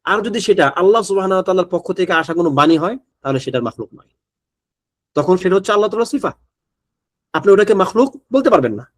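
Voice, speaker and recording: High-voiced man teaching a religious class. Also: expressive, quick pace. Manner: explains step by step, reads Arabic text then translates; conversational, checks in with listeners. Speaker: Islamic studies teacher. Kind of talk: classroom lecture on a text.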